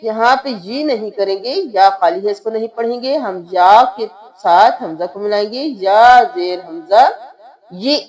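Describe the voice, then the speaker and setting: A woman teaching Quran recitation, spelling out letters and vowel marks, then reciting them slowly in a chanting melody. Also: medium pitch, darkish tone. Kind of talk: tajweed lesson with recited verses.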